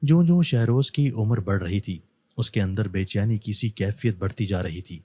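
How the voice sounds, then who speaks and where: A male storyteller giving scripted narration of a story in a steady, measured reading. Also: lowish voice, breathy edge, dry recording.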